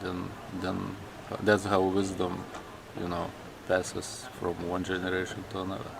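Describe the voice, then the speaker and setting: A man with a Lithuanian accent speaks in a fairly low voice, slowly and haltingly in English, often restarting his phrases. Clear background noise sits under his voice throughout. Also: monotone. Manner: slow, halting, with many restarts. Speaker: interviewee. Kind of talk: personal interview.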